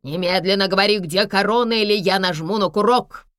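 A woman voices a ruthless older man, a menacing villain with a revolver who barks orders and makes threats in a mocking tone. Her own voice is medium-pitched, brisk, a bit bright and smooth, and natural. The sound is clean studio quality with no echo.

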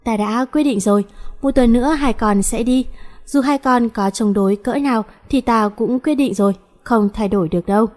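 A woman's voice: fairly high pitch, moderate pace, darkish tone, natural voice. A woman voicing a firm, middle-aged widowed aunt who lays down the rules. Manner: firm, decisive.

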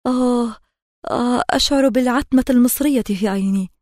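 A woman reading an audiobook, voicing a sick peasant miller who speaks low, mournful and reluctant. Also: brisk, a little mellow, no echo, clean studio sound, lightly acted. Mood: sorrowful. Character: sick peasant miller, weak, sorrowful, sullen. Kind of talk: audiobook narration.

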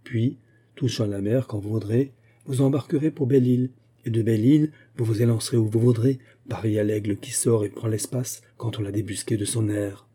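Urgent, pressing male adviser read by a man, dark tone, audiobook. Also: fairly low pitch, steady tone, moderate pace, breathy edge. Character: eager male secretary urging flight.

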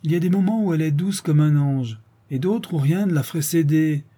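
A man voicing a gruff, short-tempered old general in a story reading, raising his pitch as he blusters. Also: dark tone. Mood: irritated. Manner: blustering, quick to anger.

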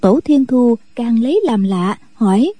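A woman narrating a martial-arts novel as a radio story reading, in a steady, measured way with a husky voice. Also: a little high, no echo.

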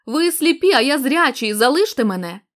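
A woman's voice: high-pitched, very animated, moderate pace. A woman voicing a desperate cornered man. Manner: shouted defiance turning strained. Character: desperate young man cornered by blind villagers.

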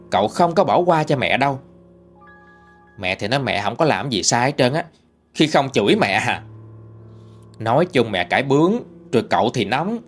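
Man telling a ghost story, lively voice. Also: mid-range voice. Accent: Southern Vietnamese. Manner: chatty, conversational storytelling.

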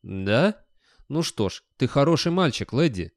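A man's voice: mid-range voice, big pitch swings, a little slow, dry recording, clean studio sound, voice pushed up. A man voicing a jittery, unsure young man who talks with anxious hesitation. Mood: uneasy.

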